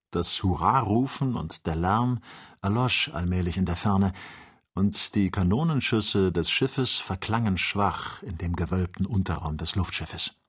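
A man reading a classic adventure novel aloud as an audiobook narrator, in a measured storytelling manner. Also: low-pitched, husky.

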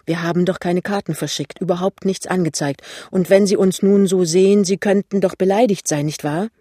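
Ein Mann liest einen verlegenen, hastigen jungen Ehemann in einem Hörbuch. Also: male voice, sits high, steady tone, warm tone, no echo, clean studio sound, pitched above the performer's own voice. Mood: hasty. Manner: hurried, embarrassed. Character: flustered young husband, shy and hasty. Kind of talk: audiobook reading.

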